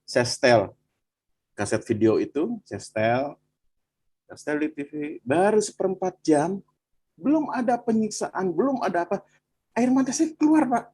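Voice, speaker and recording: A man from Bandung, telling his personal testimony in animated conversation and often addressing the listener as "Pak". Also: sits high, normal speed, long pauses, husky. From Bandung, Indonesia. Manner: animated storytelling, frequent "Pak" and "gitu".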